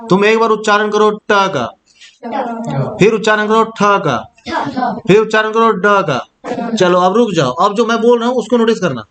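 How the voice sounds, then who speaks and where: A man's voice: high voice, moderate pace, long pauses, a crowd in the background. A young man teaching a Hindi grammar lesson. He pronounces each sound aloud to demonstrate it and keeps checking whether his students follow. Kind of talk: classroom-style grammar lesson.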